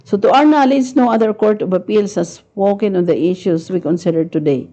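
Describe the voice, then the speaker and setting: A woman with a Filipino accent gives a live online lecture, explaining court decisions and reading them aloud in a conversational style, frequently ending phrases with a questioning tag. Her voice is medium-pitched and dark-toned, her pace brisk, and the audio sounds dull.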